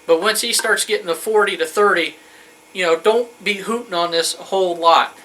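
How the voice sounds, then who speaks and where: A man's voice: high voice, normal speed, bright, forceful tone, rough recording. A man in his thirties giving an informal how-to talk as a hunting instructor, in a folksy, colloquial, rambling way. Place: wood-panelled room indoors.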